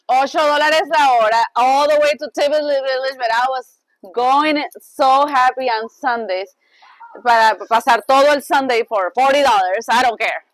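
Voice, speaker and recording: A woman teaching a Spanish class, switching between English and Spanish in a lively, laughing way. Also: a little high, no echo, rough recording.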